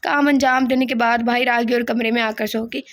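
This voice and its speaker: A woman narrating a romance audio novel, reading at a steady pace with small slips and restarts. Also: on the high side, brisk.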